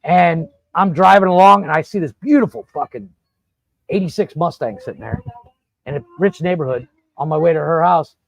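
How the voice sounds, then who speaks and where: A man hosting a casual podcast, telling rambling, profane stories in an animated way. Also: fairly high pitch, moderate pace, vocal fry, no room sound, rough recording. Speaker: podcast host. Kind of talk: casual storytelling chat. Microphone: podcast studio mic.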